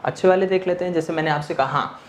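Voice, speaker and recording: A man's voice: fairly high pitch, fast talker, slight background noise. A male English teacher lecturing an online class, asking questions and answering them himself, mixing English phrases into his explanation. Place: teaching room with a board. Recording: echoey room.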